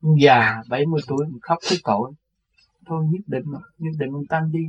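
An older man with a husky voice, earnestly telling a personal story. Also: a little high, brisk. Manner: recounts events earnestly, acts out quoted voices. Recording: dull lo-fi recording.

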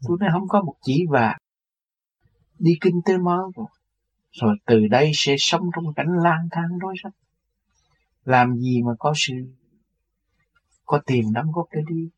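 Husky older man. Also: on the high side, normal speed, pauses often. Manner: recounts events earnestly, acts out quoted voices. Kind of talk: personal storytelling. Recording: dull lo-fi recording.

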